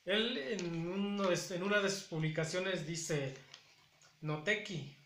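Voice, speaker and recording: Slow-spoken man teaching pronunciation. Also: high-pitched, fairly bright tone, a little hiss or hum. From Puebla, Mexico. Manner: patient, repeats words slowly to show pronunciation. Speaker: Nahuatl language teacher. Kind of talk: spoken language lesson to camera. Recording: echoey room.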